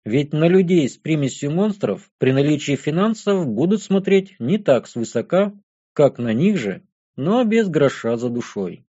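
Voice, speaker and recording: A man reads a first-person fantasy audiobook in an even, measured way. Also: fairly high pitch, muffled recording. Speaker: audiobook narrator.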